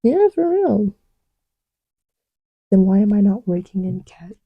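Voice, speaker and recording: A woman's medium-pitched, breathy voice, very animated but unhurried, comes through a dry, narrow, tinny recording. She's an audio roleplay creator playing the listener's partner, chatting casually and intimately while testing markers, rambling and teasing playfully and often sinking to a near-whisper as if lying beside them.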